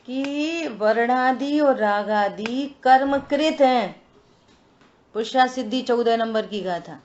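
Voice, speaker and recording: A woman leading a religious scripture study in a lively conversational way, asking rhetorical questions and teasing her listeners. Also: a little high, slight background noise. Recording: dull lo-fi recording.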